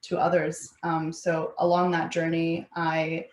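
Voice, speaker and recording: A woman founder speaking in a level, low-set voice that barely rises or falls. She talks in measured phrases with frequent pauses and fillers. Her voice carries a roomy echo. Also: monotone. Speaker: food company founder. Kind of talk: panel interview answer. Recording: echoey room.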